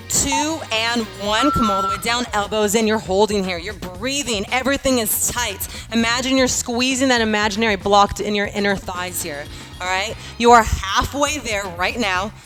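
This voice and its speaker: A woman's voice: a little high, measured pace, over music. A woman coaching a workout like an aerobics instructor, cueing moves and counting in a casual, encouraging, urging way. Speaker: fitness instructor leading a home workout class.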